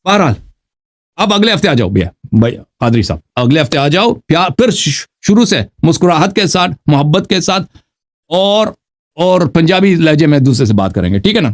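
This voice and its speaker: A man's voice: fairly high pitch, big pitch swings. A man hosting a live debate show, emphatic and repetitive, talking over his opponent in a heated exchange. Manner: emphatic, repeats himself, talks over the caller.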